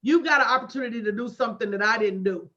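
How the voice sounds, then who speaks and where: Fast-talking and sharp-toned, this woman has a voice on the high side. She's a motivational business coach in her late forties hosting a livestream, using emphatic, preacher-like repetition and folksy direct address with her online audience, recorded in dull lo-fi audio.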